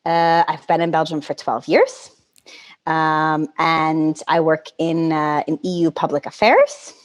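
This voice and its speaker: A woman in her thirties from Connecticut, answering interview questions in a relaxed, hesitant way with many fillers. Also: deep voice, measured pace. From Connecticut, United States. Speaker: guest.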